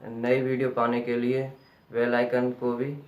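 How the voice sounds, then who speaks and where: Slow echoey male grammar teacher. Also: mid-range voice, completely flat delivery, highs cut off. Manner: repeats key terms as questions to students; slow and deliberate. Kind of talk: classroom grammar lesson. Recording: echoey room, voice from a distance.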